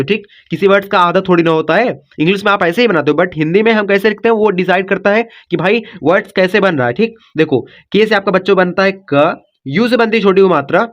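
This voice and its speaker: A man's voice: high voice, fairly bright tone. A man from India teaching a step-by-step spelling lesson. He talks in a repetitive, coaxing way, checking in after nearly every line. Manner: repetitive, coaxing, says "ठीक" and "बच्चों" often.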